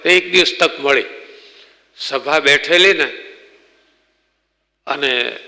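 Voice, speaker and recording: A man, a swami, telling a religious story in a sermon and acting out the quoted exchanges lively. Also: a little high, extremely slow, creaky. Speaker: swami giving a religious discourse. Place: temple hall. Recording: long reverb in a temple hall.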